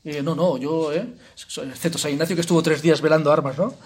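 A man leading a spiritual retreat in an informal, conversational way, often tagging his sentences with quick checks to the group and slipping in jokey asides. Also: fairly high pitch, fairly even intonation. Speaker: retreat leader.

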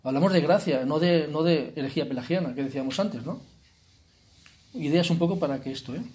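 A man with a slightly raised pitch gives an informal spiritual retreat talk. He speaks conversationally, constantly checking in with his listeners, and lightens things with jokey asides. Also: a little fast, a little mellow. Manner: conversational, peppers sentences with "¿eh?" and "¿no?". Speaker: retreat leader.

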